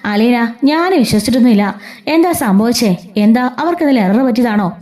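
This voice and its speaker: Woman playing a protective, defiant young man, brisk and reproachful. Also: a little high, animated, darkish tone, natural voice. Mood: defending, soothing.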